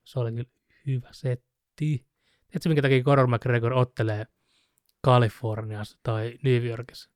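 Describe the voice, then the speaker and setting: A man casually chatting on a podcast, telling a story with animated retellings. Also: medium pitch, dry recording, clean studio sound. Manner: animated storyteller, mimics shouting with laughs. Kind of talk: casual chat about fighting sports.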